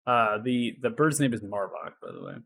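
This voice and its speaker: A man's voice: medium pitch, normal speed, fairly bright tone. A man running a tabletop role-playing game as game master, narrating and talking to the players. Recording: faint background noise.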